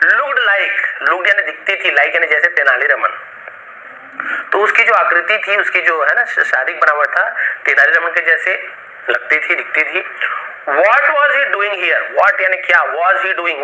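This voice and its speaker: A man with an Indian accent teaching English, reading a story slowly line by line and explaining each word in Hindi. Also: fairly high pitch, pushed and bright, poor audio.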